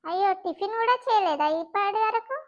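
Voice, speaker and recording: A fretful, fussing village mother with a Telangana accent and a high voice, as a woman acts her out. The sound is a little dull and lo-fi. It suits a cartoon family comedy. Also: expressive, brisk. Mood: worried. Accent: Telangana Telugu. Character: worried middle-aged village mother.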